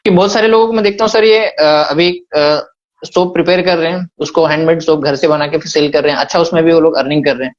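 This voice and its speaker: A man's voice: fairly high pitch, fast talker. A man hosting an interview who asks questions politely, calls the guest sir and agrees readily. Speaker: host. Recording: muffled lo-fi sound.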